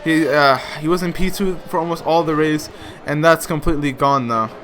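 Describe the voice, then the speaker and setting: A man calls a sim racing league race with a bright, slightly high voice, excitable and full of filler words. A faint hiss sits under his mic. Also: fairly quick. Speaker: race commentator.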